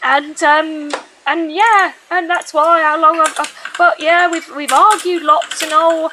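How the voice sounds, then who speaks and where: A high-voiced, tipsy mum played by a woman rambles through an improvised role-play. She is chatty and flustered, full of sighs and weary of her marriage. There is clear background noise with clicks. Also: steady tone, unhurried. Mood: rambling, sighing. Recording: noisy room with clicks.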